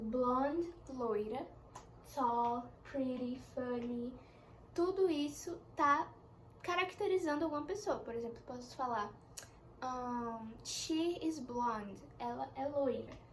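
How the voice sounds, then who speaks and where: A young woman teaching an English lesson in a chatty way, explaining slowly with examples. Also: sits high, a little hiss or hum. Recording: echoey room with faint ambience.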